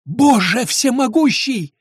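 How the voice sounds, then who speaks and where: A man's voice: on the high side, a little fast, a little mellow, slightly rough, dry recording, clean studio sound. A man voicing a starving, chained woman prisoner who pleads in breathless exclamations. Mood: shocked.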